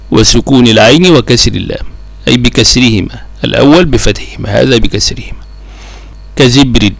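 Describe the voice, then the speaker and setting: A man teaching a classical Arabic grammar lesson, slow and measured, drawing out each example word. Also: mid-range voice, gravelly, no echo.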